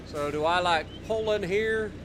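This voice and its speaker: A man with an Ohio accent streams a game, casually joking and chatting to himself and his viewers as he plays. His voice sits high and his pace is unhurried, with noise in the background.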